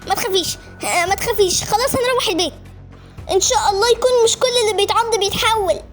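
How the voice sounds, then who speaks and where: A woman's voice: very high voice, rapid-fire, faint music behind. A woman with an Egyptian accent voicing a brave, protective young boy in a spoken story. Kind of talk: voiced storytelling.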